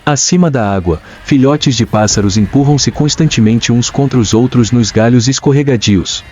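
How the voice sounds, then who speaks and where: A man with a Brazilian accent reads scripted nature documentary narration in a measured, dramatic storytelling way. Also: medium pitch, darkish tone. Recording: dull lo-fi sound with music. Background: clear background music.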